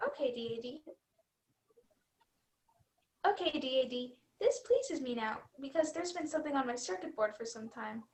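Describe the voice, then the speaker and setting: A woman's voice: high-pitched, lively intonation, moderate pace, pauses often, darkish tone. A woman playing an earnest, dutiful robot vacuum in a scripted stage comedy, with formal robotic phrasing. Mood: shyly confiding. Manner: formal robotic phrasing, spells words out letter by letter. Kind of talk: scripted youth theater comedy acting.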